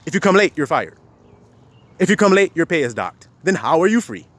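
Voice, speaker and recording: There's slight background noise as a man with a fairly high, sing-song, slightly bright voice rants at a fairly quick pace. Casting himself as a preacher, he quotes scripture, swears heavily and confronts listeners with rhetorical questions.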